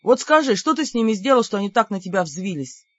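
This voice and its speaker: Narrator doing a battered young demon guy, whiny and hotheaded, loud indignant outbursts, dry slightly dull audiobook sound. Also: mid-range voice, sing-song, fast, no room sound. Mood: aggrieved.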